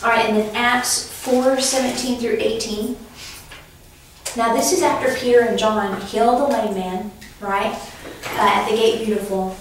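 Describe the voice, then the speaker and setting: A woman's voice: fairly high pitch, fairly even intonation, measured pace, slight background noise. A woman teaching a preaching class in a conversational, storytelling way, laughing now and then as she tells anecdotes. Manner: conversational, anecdotal, laughs while telling stories. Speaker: Bible teacher. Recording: echoey room, voice from far off.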